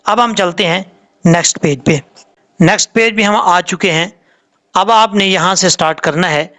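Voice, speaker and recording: A man's voice: high-pitched, sharp tone. A man, a Quran tajweed teacher giving a patient, step-by-step recitation lesson and repeating each sound.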